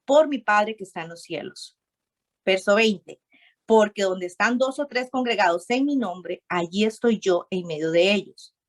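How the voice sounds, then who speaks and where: A woman preaching a sermon, reading scripture aloud and stopping often to urge her listeners to repeat and underline the verses. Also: a little high.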